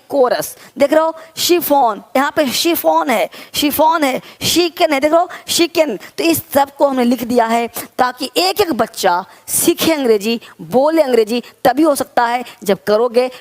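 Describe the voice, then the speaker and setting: A woman teaching English pronunciation online, repeating each word and coaxing viewers to follow along. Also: high-pitched.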